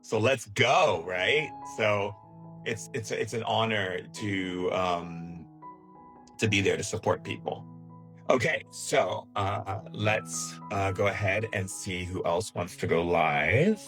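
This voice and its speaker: A man hosting a live spiritual coaching session in a conversational way, often checking in with a quick "right?". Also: deep voice, fairly bright tone, soft background music. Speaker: host, spiritual healer.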